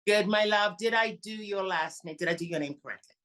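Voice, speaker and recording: A woman hosting an interview show, warmly calling her guest honey and hon as she asks questions. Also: mid-range voice, brisk. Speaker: show host.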